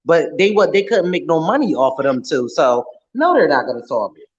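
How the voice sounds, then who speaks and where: A slightly high, lively man talking frankly and cursing casually in a podcast chat. His voice comes through muffled and lo-fi. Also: brisk. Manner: outspoken, swears freely. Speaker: podcast guest or co-host.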